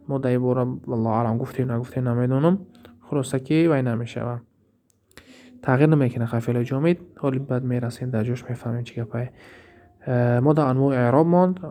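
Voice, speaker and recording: A man's voice: mid-range voice, dark tone. A man with a Tajik accent teaching Arabic grammar from a textbook, asking questions and answering them himself as he reads out examples. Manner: explains by asking and answering his own questions, reading Arabic examples aloud. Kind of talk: recorded lesson explaining a textbook.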